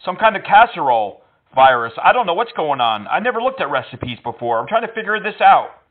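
Man, scam baiter, mocking, teasing, high voice, phone-line sound. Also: very animated, fairly quick. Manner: mocking, teasing, laughs often. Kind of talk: prank phone call.

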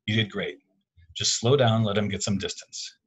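A man voicing a calm, self-deprecating middle-aged father in a read-aloud story, close to his own voice. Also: on the low side, normal speed, husky. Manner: calm, gently joking.

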